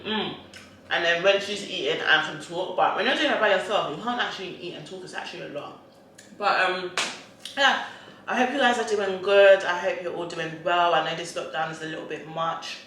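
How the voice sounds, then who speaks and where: Woman vlogger rambling on, loads of "like", bright tone, super echoey room. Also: on the low side, a little hiss or hum. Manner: rambling, lots of "like" fillers. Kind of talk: casual chat mukbang.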